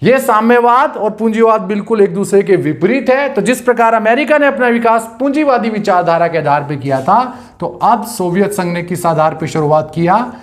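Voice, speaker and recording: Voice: medium pitch, animated, moderate pace, few pauses. Hindi teacher drilling exam points. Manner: asks rhetorical questions and answers them; repeats key points for students to memorize. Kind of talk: exam-prep lecture.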